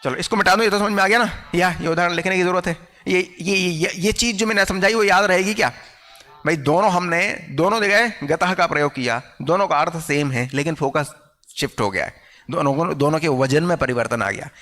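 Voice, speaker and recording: A male teacher giving an online grammar lecture, explaining patiently, often checking whether students follow and slowing down to dictate example sentences. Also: fairly high pitch, pushed and bright, in a large hall.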